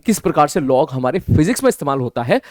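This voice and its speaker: Guy teaching maths, pretty high voice, dry close sound, lively, answers himself like the students would. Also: no echo. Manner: slows down to spell out terms. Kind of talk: online math lesson.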